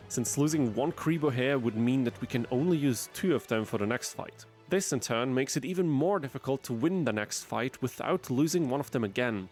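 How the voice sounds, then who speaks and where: Male game-channel narrator, mid-pitched, deadpan wry commentary over faint music. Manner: wry, dry asides. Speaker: gaming video narrator. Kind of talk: scripted gameplay commentary.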